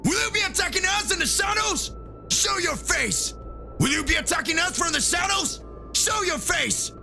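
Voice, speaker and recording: A man's voice: very animated, unhurried, creaky, pushed and bright, soft background music, full character voice. A man voicing an earnest, bold anime hero with urgent, defiant delivery. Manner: high, urgent, defiant calls.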